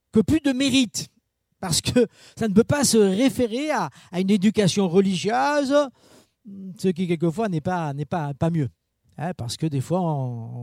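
A man delivers a sermon in a conversational style, packed with fillers and asides to the congregation, his pitch and loudness swinging widely. The sound is clean studio quality with no echo.

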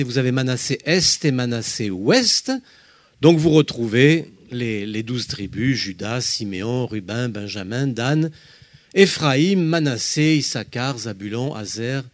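A man teaching a Bible study, walking listeners through slides with emphatic, lively explanations. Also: medium pitch, a little slow, no echo.

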